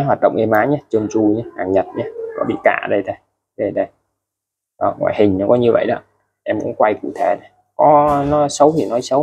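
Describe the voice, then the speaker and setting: In a casual showcase of used tools for sale, a man talks in a mid-range, slightly rough and a little mellow voice with vocal fry. He's chatty, ends phrases with friendly particles, and keeps repeating the prices again and again.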